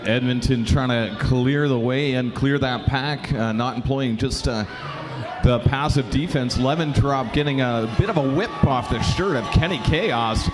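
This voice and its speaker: A man calling a junior roller derby game as play-by-play commentator, talking quickly with lots of "uh" fillers. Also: mid-range voice. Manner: fast, filler-heavy, self-described caffeinated. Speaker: sports commentator.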